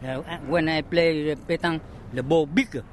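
An older man from Vietnam with a Vietnamese accent, being interviewed in halting, simple broken English. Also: a little high, steady tone, a little hiss or hum. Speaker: amateur player being interviewed.

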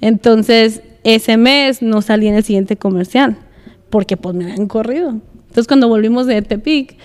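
A woman telling a story in a relaxed podcast chat, laughing often and slipping English words in. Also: fairly high pitch, moderate pace, long reverb tail. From United States. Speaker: podcast guest, escaramuza rider.

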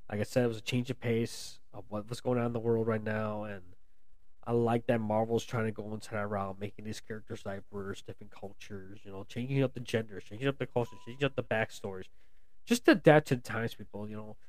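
A man's voice: lowish voice, steady tone, a little fast, dry recording. An American man giving a casual, rambling film review, with lots of restarts and fillers. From United States. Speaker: movie reviewer.

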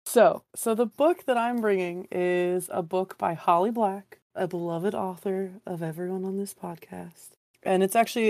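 A woman co-hosting a podcast, hoarse from a cold, talking about books in an enthusiastic, rambling way. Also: mid-range voice, a little mellow, no echo, studio quality. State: hoarse, getting over a cold. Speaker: podcast co-host. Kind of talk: casual book discussion.

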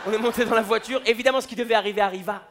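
High-voiced animated male stand-up comic. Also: rapid-fire, a little hiss or hum. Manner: animated, acting out quoted voices. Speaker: stand-up comedian. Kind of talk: stand-up routine on stage. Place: large comedy festival stage. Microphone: stage microphone.

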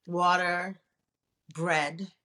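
A woman from Nigeria, a guest on an interview show, telling her story in a relaxed, chatty way. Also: fairly low pitch, drawn-out words. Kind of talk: casual interview conversation.

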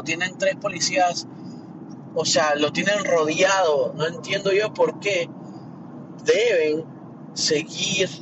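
Rambling man over loud street traffic. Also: high-pitched. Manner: rambling, repeats words, earnest and indignant. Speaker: commentator sharing opinions. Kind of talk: casual monologue. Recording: muffled distant mic with loud traffic noise.

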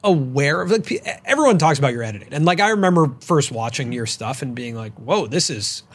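A man's voice: mid-range voice, sing-song, fast talker. A man co-hosting an interview show, chatting casually and acting out quoted thoughts with animation. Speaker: podcast co-host.

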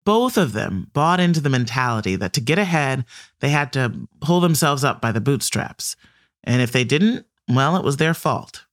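A man narrating a documentary podcast in a measured, scripted storytelling voice. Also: mid-range voice, expressive, a bit bright, dry recording, studio quality.

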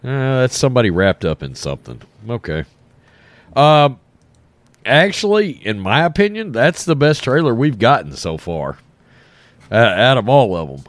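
A man hosts an off-the-cuff trailer reaction with a voice thickened by a cold and swollen, sore throat. His pitch is average and his delivery is blunt and conversational. The sound is close and dry, with little room to it. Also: no room sound. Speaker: host of a film reaction channel.

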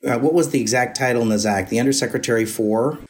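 A man's voice: medium pitch, fast talker. A man hosting an interview podcast, giving admiring introductions to his guest. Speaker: podcast host.

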